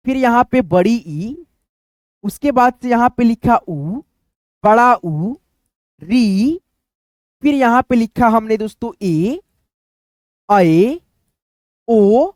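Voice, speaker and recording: A man's voice: very high-pitched, dry recording, studio quality. A man teaching a reading lesson, repeating each sound and asking the class questions he then answers himself. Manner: repetitive, asks and answers own questions.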